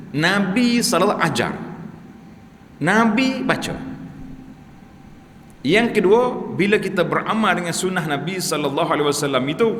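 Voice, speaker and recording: A man with a Malaysian Malay accent giving a lively, conversational religious lecture to a congregation, at times chanting prayers with them. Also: mid-range voice. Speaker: preacher. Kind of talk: religious study-circle lecture. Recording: echoey hall with faint background noise.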